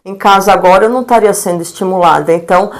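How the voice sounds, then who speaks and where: Speaking rapid-fire in a mid-range voice, this Brazilian Portuguese-accented guest educator, a middle-aged woman, shares lively stories during a live-stream interview. She performs the quoted dialogue and often ends lines with tag questions.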